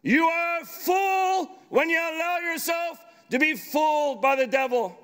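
High, bright-voiced emphatic preacher man. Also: measured pace. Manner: urgent and emphatic, rising to shouts. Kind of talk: sermon. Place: large conference stage. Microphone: podium microphone.

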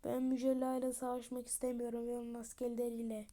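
A woman's voice: a little high, completely flat delivery, fast talker, warm tone, natural voice. A woman voicing a grumbling, fed-up immortal male warrior in a game story. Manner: grumbling, complaining.

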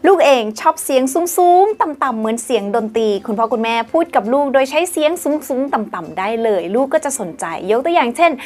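A woman with a high, light voice teaches parents how to coax a baby into speaking. She talks politely and step by step, like a nurse giving advice. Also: expressive, brisk, few pauses, darkish tone. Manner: polite, instructive, uses soothing baby-talk examples. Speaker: pediatric nurse host. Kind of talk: parenting tips with sponsored product reads.

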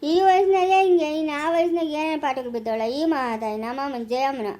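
A quarrelsome village man full of indignation, played by a woman, scolding and ranting in a rural Chikkaballapura Kannada accent. The voice sits very high. Lines come in repeated, defensive bursts, like a family skit. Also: fairly even intonation, fairly quick, mellow, lightly acted. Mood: indignant.

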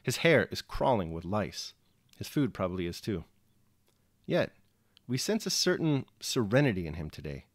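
A man reading a novel aloud in a measured, expressive way, then reflecting on the chapter. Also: on the low side, dry recording, clean studio sound. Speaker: host and reader.

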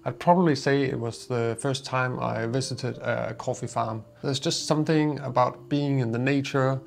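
Man, 30s, gravelly voice, relaxed chatty explainer, small studio. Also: medium pitch, normal speed, slight background noise. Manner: relaxed, conversational with frequent "uh" fillers. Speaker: coffee vlogger. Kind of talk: casual explainer to camera. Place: small indoor studio with coffee gear behind.

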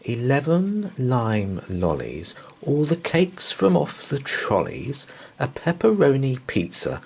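Reading a children's bedtime story aloud, a man uses a mid-range voice with wildly swooping pitch, a creaky texture, a darkish tone, and a breathy edge. His delivery is playful, theatrical, and drawn out.

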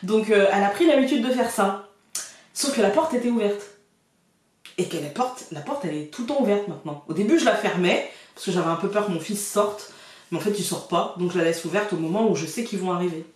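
A woman's voice: mid-range voice, expressive, a little fast, darkish tone. Woman vlogger, colloquial and laughing storyteller, recorded at a distance in a reverberant room. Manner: chatty, colloquial, laughs often. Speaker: card reader and vlogger. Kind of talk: casual storytelling to camera. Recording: very echoey room, far from the mic.

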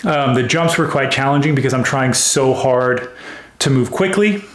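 A man's voice: medium pitch, normal speed, fairly bright tone, slight background noise. Breathless man talking in an echoey gym. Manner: explains between sets, many fillers. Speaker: golf speed trainer. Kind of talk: casual training vlog commentary. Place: small gym room.

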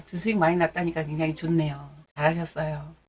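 A woman's voice: sits low, little pitch movement, a little fast, a little mellow, husky. Middle-aged lady running a stock livestream, chatty, teases her viewers. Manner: chatty and teasing, answers viewers' donations and chat messages. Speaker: stock-trading livestream host. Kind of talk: casual livestream chat.

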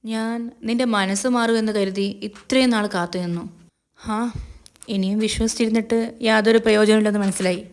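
A woman's voice: medium pitch, steady tone, fairly quick, clean tone, lightly acted. Woman voicing an earnest lovesick young boss.

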